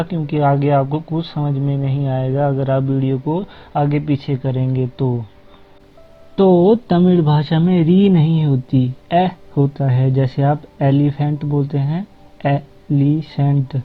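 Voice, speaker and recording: A man teaching a language lesson, patiently repeating each sound slowly and explaining step by step. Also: fairly high pitch. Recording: tinny phone-like audio.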